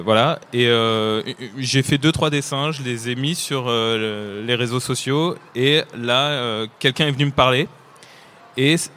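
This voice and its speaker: A man's voice: mid-range voice, fairly bright tone, clean tone. A man from France with a French accent, a comic illustrator, talking to children with many hesitations. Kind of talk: casual talk to children.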